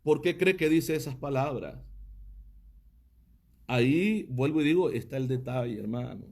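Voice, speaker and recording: A man's voice: medium pitch, lively intonation, unhurried, gravelly, darkish tone. A man, a pastor giving a livestreamed teaching sermon, reading viewer comments and asking his audience one rhetorical question after another.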